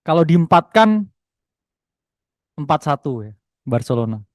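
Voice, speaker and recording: A young Indonesian-accented man hosts an online trading webinar as its teacher, his voice on the high side, very animated and measured in pace. The recording is dry with clean studio sound. Chatty and teasing, he reads the chat aloud and tags lots of lines with "ya".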